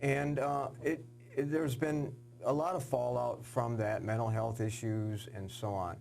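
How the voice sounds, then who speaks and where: A man hosting a TV sports interview, asking earnest questions with halting fillers. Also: medium pitch, fairly even intonation, gravelly, a little mellow, soft background music. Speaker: sports show host.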